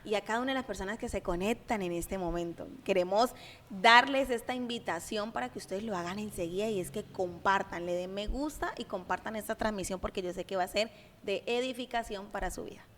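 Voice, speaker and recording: A woman's voice: mid-range voice, brisk, fairly bright tone, a little hiss or hum. A woman hosting a church livestream talk show, upbeat and welcoming, playful with her guests. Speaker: host. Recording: reverberant hall.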